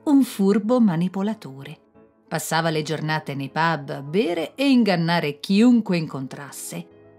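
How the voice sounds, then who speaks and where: A woman narrating a scripted spooky storybook tale in an expressive, dramatic way. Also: fairly low pitch, husky.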